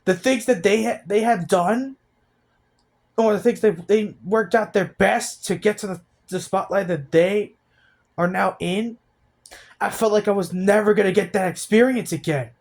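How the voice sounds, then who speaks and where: A young man of eighteen speaks with a fairly high voice in a personal vlog. He talks in a halting, heavy way and restarts his sentences often. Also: vocal fry, a little mellow. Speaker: vlogger.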